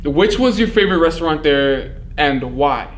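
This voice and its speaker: A man's voice: on the high side, lively intonation, moderate pace, slight background noise. A man hosting a podcast, asking questions in a loose, casual way with many fillers. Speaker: podcast host. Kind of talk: casual interview chat.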